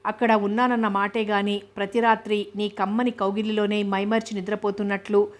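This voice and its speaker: A woman's voice: medium pitch, little pitch movement, fairly quick, lightly acted. A woman reading a fiery foreign wife. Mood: tender. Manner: heated, accusing. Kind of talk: audiobook novel reading.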